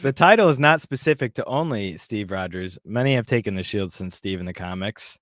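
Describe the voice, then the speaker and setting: A man's voice: fairly low pitch, expressive, brisk, a bit bright, no room sound, studio quality. A man hosting a casual podcast chat, reading an article aloud with sarcastic asides and frequent laughs. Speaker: podcast host.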